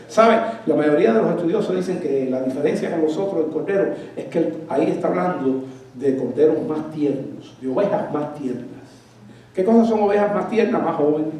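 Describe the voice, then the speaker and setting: Pastor predicando en una iglesia con eco. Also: male voice, fairly high pitch, warm tone, heavy reverb, recorded from a distance, low-quality recording. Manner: preaching, asks the congregation questions. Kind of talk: sermon. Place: church.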